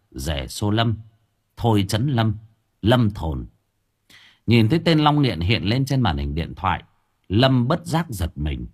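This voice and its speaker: A man's voice: on the low side, breathy edge. A man narrating a comic story in a wry, colloquial way. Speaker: audiobook narrator.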